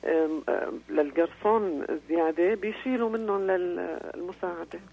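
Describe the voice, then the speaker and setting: A woman's voice: on the low side, moderate pace, creaky, slight background noise. A woman caller with a Levantine Arabic accent chatting casually over a radio phone line.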